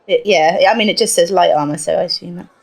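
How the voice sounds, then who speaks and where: A woman's voice: lowish voice, quick pace, a little mellow. A woman chatting casually as a player in a tabletop game. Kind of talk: casual chat.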